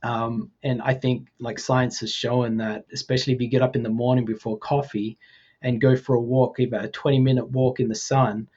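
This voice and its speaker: A man's voice: medium pitch, little pitch movement, normal speed, mellow, slightly rough, lo-fi sound. Australian-raised man, forty, easygoing podcast guest. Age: 40s. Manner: thoughtful, hesitant with ums and restarts. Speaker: guest, VFX artist. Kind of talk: casual podcast conversation.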